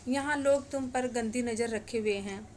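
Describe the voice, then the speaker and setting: A woman's voice: a little high, moderate pace, darkish tone, a little hiss or hum, natural voice. Woman narrator voicing a protective teenage younger brother for a spoken storybook, earnest.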